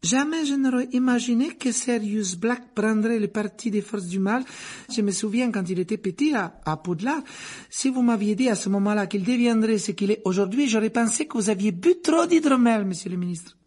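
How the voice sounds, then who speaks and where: A man voicing a warm, chatty middle-aged woman who runs an inn and gossips fondly. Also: high-pitched, normal speed, voice pushed up. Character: warm plump middle-aged female innkeeper.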